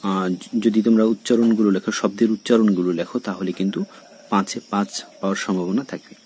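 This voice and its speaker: A man from Bangladesh, a college lecturer, giving a recorded lesson and speaking straight to his students, slowly explaining and repeating example words. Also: lowish voice, fairly even intonation, darkish tone, slight background noise. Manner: addresses students directly.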